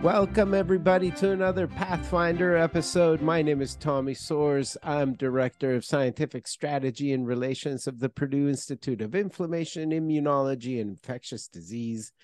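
In an office with a branded backdrop, a middle-aged man hosts an interview over a video call, speaking into a headset boom mic. His fairly high, slightly mellow voice keeps a steady tone at normal speed with hardly any pauses as he reads formal, enthusiastic scripted introductions before moving into his questions. Soft music plays behind him.

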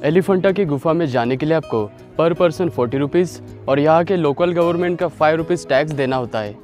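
A man's voice: on the high side, normal speed, a little mellow, soft background music. A man giving direct, practical travel instructions in a vlog voice-over. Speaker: travel vlogger. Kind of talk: scripted travel guide voice-over.

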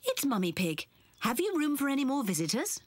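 A woman voicing a patient, gently amused mother pig in a children's cartoon, soft and playful. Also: high voice, huge pitch swings, fairly quick.

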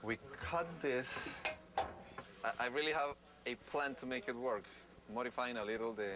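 A man in his forties explaining a broken clock on camera, thoughtful and halting, in a large indoor ship atrium. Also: mid-range voice, slight background noise. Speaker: clock restorer. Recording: documentary audio with loud music bed.

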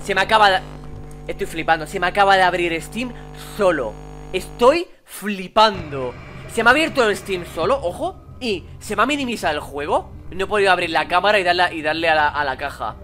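A young man from Spain streaming a horror game, who swings from low muttering to panicked shouting. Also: lively intonation, fast talker, soft background music. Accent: Spain Spanish. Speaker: gaming streamer. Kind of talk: live gameplay commentary.

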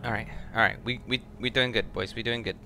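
A man's voice: medium pitch, fairly even intonation, quick pace, background noise. A young man streaming a horror game, giving scared, jumpy live reactions full of swearing. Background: game music.

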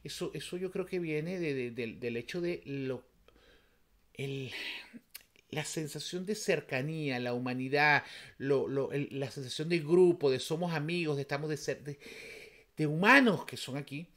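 A Venezuelan man with a Venezuelan accent gives casual reaction commentary as a vlogger. His voice is a little high and somewhat bright, his pace moderate, and he's emphatic, firing off plenty of rhetorical questions.

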